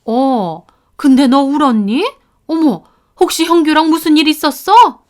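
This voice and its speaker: Woman doing a worried, fussy older mother-in-law, slow and pitched high. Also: darkish tone.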